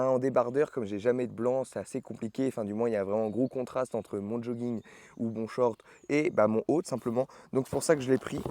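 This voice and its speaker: Young guy vlogging about gym stuff, mellow voice, dry sound, lots of euh. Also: medium pitch, no room sound. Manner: chatty, explanatory, with fillers and self-corrections. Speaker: fitness vlogger. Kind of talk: casual vlog talk to camera.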